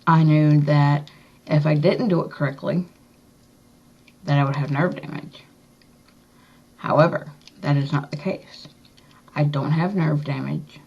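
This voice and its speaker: Woman, low voice, slightly swollen tongue, slow halting casual chat, dull lo-fi sound. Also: fairly even intonation, gravelly, slightly rough. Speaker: vlogger. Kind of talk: casual chat to camera, piercing update. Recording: dull, lo-fi recording.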